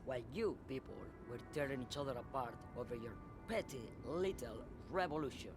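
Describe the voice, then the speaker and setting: An actor playing a wistful, disdainful exile longing for a golden past in a video game. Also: male voice, mid-range voice, a little fast, over music, lightly acted. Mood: wistful, scornful. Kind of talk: video game dialogue acting.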